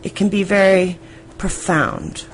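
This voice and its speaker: A woman reading a translation voice-over of a spiritual talk, explaining in a measured way. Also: fairly low pitch, huge pitch swings, low-quality recording.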